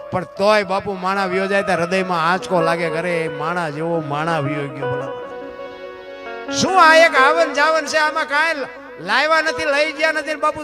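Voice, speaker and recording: A man speaks as a folk storyteller, with a raised, high-pitched voice. He keeps putting rhetorical questions to his listeners and quotes folk verse. Plucked guitar music is clearly audible behind him. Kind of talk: folk sermon talk to a live audience.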